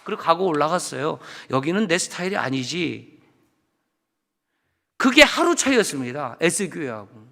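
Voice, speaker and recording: A male pastor with a notably high voice tells stories from the pulpit and acts out each conversation, swinging from loud emphatic bursts to low muttered asides. His words ring out with the long reverb of a church sanctuary. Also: sing-song, measured pace, creaky, long pauses. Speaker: guest pastor. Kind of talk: storytelling sermon with testimony.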